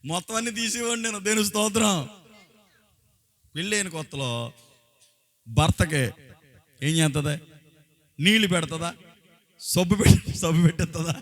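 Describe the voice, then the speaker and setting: Higher-voiced man preaching a sermon. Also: expressive, normal speed, long pauses. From Andhra Pradesh, India. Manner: exhorting, often breaking into short acted quotes and raising his voice; colloquial, rhetorical questions to the congregation. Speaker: pastor.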